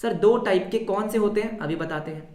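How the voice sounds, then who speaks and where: A male accounting teacher giving a lively online class, mixing English terms into Hindi and quizzing students, then answering for them. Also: high-pitched, a little fast. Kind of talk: live online class lecture. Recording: roomy echo.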